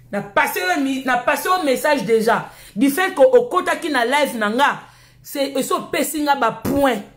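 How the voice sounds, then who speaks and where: A woman from Congo with a Congolese French accent, hosting her live stream in a heated, scolding rant full of insults. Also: high voice. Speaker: livestream host. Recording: echoey room.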